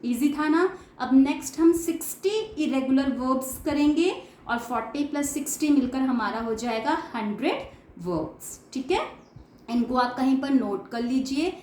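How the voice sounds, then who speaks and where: A woman teacher drilling English verb forms, reciting each form with steady emphasis and patiently correcting children's pronunciation. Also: sits high, measured pace, echoey room, a little hiss or hum. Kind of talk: slow classroom-style drill lesson.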